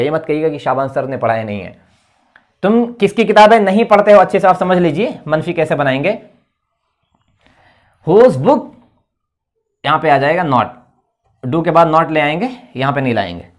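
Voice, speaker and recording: Man explaining English grammar. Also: sits high. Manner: patient, repetitive explaining with frequent checks. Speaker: English teacher. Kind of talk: online grammar lesson.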